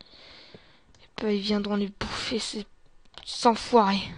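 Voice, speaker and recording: This gamer voices her role-play survival series in character, talking under her breath, frequently whispering and now and then exclaiming. She speaks slowly in a medium-pitched, level tone.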